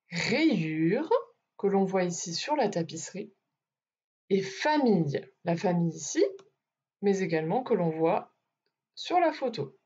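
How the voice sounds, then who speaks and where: A female teacher gives a phonics lesson to young children, speaking slowly with lively pitch and a slightly husky voice. She over-articulates each sound deliberately, and the recording has a dull, lo-fi quality.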